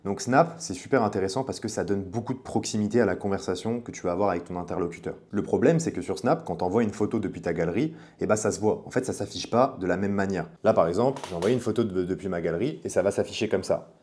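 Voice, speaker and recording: A man's voice: low-pitched, quick pace, hardly any pauses, darkish tone. A man giving a casual, chatty tutorial as a coach, speaking directly to the viewer. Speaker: online business coach.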